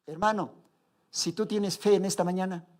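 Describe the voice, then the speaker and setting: A man preaching a Sunday sermon as pastor, swinging between soft asides and loud exclamations and constantly calling the congregation his brothers. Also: high voice, steady tone, normal speed. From Bolivia.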